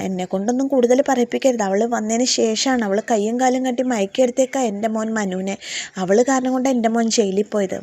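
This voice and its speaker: A woman's voice: medium pitch, creaky, dark tone. A woman voicing an angry, scheming middle-aged mother who rants spitefully in a retold serial story.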